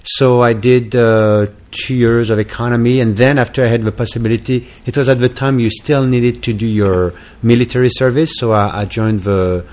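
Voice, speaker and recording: A man's voice: mid-range voice, fairly even intonation, normal speed, few pauses, darkish tone. A man from France with a French accent, a musician guest in a casual interview, talking hesitantly with many fillers and restarts.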